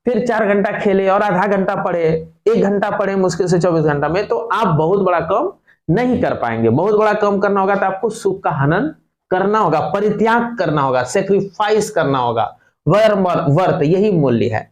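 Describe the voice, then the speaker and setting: A man's voice: high voice, animated, moderate pace, roomy sound. A male teacher explaining an English lesson to students, firing questions at the class and repeating their answers.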